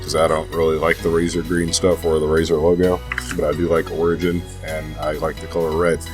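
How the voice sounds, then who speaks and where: Young guy w a low voice n stuffy nose, sick, rambling vlog style, swears a lot, music in back. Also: level tone, brisk. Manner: laid-back, profane, hesitant rambling. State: sick with a cold. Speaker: gaming vlogger.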